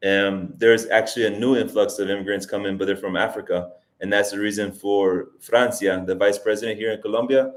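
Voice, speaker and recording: A man in his forties with a lowish, steady voice hosts a casual livestream, answering viewer questions fairly quickly with few pauses. He thinks aloud and frequently restarts his sentences, and he lives in Colombia as an immigrant.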